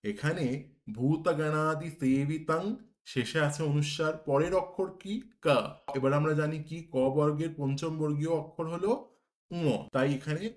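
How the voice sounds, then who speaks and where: A man with a Bengali accent teaching Sanskrit pronunciation, explaining syllable length and slowly chanting lines of a verse. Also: on the high side, fairly even intonation, darkish tone. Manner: slow, drawn-out recitation of verse lines between brisk explanations.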